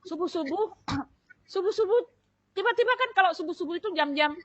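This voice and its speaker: A woman's voice: extremely high pitch, expressive, brisk, fairly bright tone, no room sound. A woman recounts her story as an interview guest, casual and vivid. She acts out the voices and noises she describes. The sound is close and dry, with a slightly dull, muffled tone. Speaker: interview guest giving a testimony. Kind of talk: personal faith testimony, casual storytelling.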